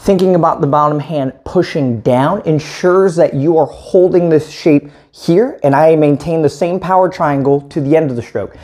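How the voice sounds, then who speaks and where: Guy in his 30s coaching paddle strokes, warm low-key voice, steady explaining. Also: moderate pace, hardly any pauses, faint music behind. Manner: clear, methodical explaining while demonstrating strokes. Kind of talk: instructional demonstration. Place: small indoor room with paddles on the wall.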